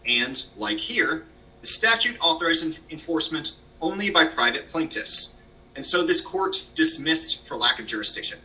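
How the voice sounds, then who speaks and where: A man argues formally as a lawyer before a court. His voice is very bright and forceful, a little high for a man, picked up dully from a distance. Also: sing-song, moderate pace. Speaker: lawyer, state solicitor general arguing an appeal. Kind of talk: formal oral argument. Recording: dull, distant microphone pickup.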